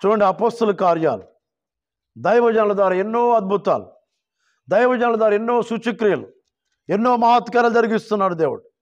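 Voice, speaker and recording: A male pastor preaching a sermon, reading scripture slowly and calling on the church to shout hallelujah. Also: sits high, expressive, highs cut off. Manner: calls for loud hallelujahs, rising to shouts; drawn-out quoting of scripture verses.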